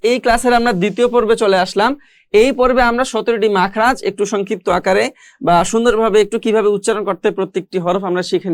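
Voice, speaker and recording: Recitation teacher, middle pitch, dry close sound, patient and methodical, repeats letter sounds slowly. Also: no room sound. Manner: explains step by step, addressing learners directly. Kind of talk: recorded online class on pronunciation.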